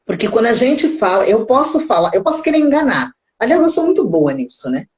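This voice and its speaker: A woman co-hosting a live talk show, telling animated stories and laughing often in casual chat. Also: a little high, brisk, poor audio. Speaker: co-host.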